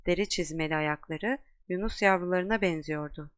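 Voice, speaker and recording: A woman with a fairly low voice reads a storybook aloud, steady and measured. The recording is dry and close, with no room sound. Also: smooth, dry recording. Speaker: audiobook narrator. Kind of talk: scripted narration.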